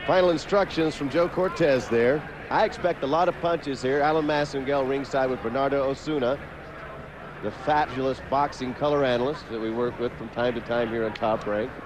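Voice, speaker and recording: A man's voice: medium pitch, moderate pace. A man giving live play-by-play boxing commentary from ringside. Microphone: ringside broadcast microphone. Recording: loud arena noise behind ringside voice.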